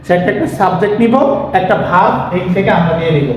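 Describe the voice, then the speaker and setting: A man's voice: high-pitched, fast. A man teaching English vocabulary, spelling each word letter by letter and asking and answering his own questions. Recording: very echoey room, faint noise.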